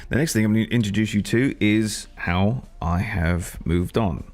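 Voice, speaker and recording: A man thinking aloud and rambling as he codes on a casual live stream. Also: lowish voice. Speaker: software developer live-streaming.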